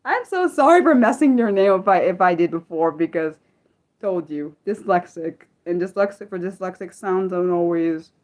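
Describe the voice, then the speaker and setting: With a voice on the low side, this livestream host in her thirties talks casually and without a script, reading viewer comments aloud. Her energy shifts between excitement and a more subdued mood, and she wanders and corrects herself along the way.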